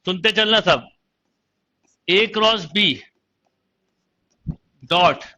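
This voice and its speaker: High bright-voiced male math teacher. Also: very slow. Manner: explains step by step, quizzing students. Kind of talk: online exam-prep lecture.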